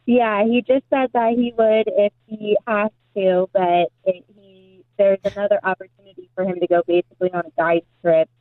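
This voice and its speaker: A woman chatting casually as a radio show guest, her voice hollow and echoey as if talking inside a barrel, speaking in brief, halting remarks. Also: mid-range voice, little pitch movement. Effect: hollow, echoey sound, like talking inside a barrel. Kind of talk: casual chat. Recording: tinny phone-like line.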